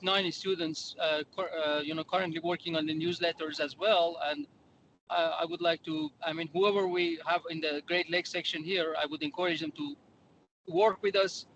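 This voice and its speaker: A man calls into a meeting from his car speakerphone while he drives. His voice sits slightly high and comes in halting bursts full of fillers. A soft hum of the car runs underneath. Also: lo-fi sound. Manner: hesitant, many "uh" fillers. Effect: calling in by phone from a car while driving. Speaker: section education chair. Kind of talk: meeting remarks. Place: in a moving car. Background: faint car noise.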